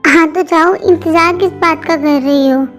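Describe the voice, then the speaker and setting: A woman's voice: very high voice, steady tone, normal speed. A woman voicing a cold, rude young husband in an amateur fan dub drama, speaking harshly and dismissively. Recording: muffled lo-fi audio with soft music.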